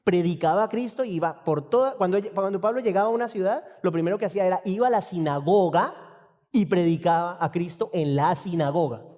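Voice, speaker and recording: A man's voice: high-pitched, fairly quick. Preaching man in a reverberant church. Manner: animated, acts out dialogue, rhetorical questions. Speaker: pastor. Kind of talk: expository sermon.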